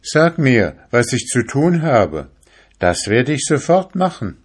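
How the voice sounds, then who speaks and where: A man's voice: lowish voice, expressive, takes it slowly, pitched above the performer's own voice, heavily acted. A man voicing a young lovestruck fisherman who speaks in an eager, pleading way, raised above his own voice. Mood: eager, excited.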